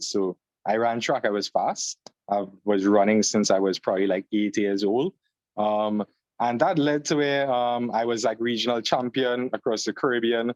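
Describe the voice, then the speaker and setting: A young man from Trinidad and Tobago with a Trinidadian accent, a guest on an interview podcast, telling his story in a relaxed way, joining over a video call. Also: on the low side, dry recording. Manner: relaxed storyteller, fillers, "long story short". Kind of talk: conversational interview. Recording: slightly dull, dry call audio.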